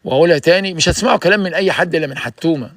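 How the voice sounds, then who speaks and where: A man in his sixties with an Egyptian accent, hosting a casual livestream and preaching health advice in an energetic, urging way. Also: fairly high pitch, racing, no echo. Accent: Egyptian Arabic. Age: 60s.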